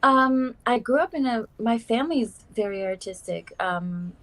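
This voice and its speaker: With a slightly high voice, lively intonation and a measured pace, a young South African woman chats casually as a guest musician in an interview. Her talk is warm and chatty, heavy on "like" and "um."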